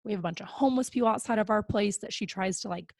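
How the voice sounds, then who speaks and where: At a racing pace, a young woman with a medium-pitched voice hosts a podcast, chatting casually, cheerfully, and with plenty of fillers. A close podcast mic captures her with no echo.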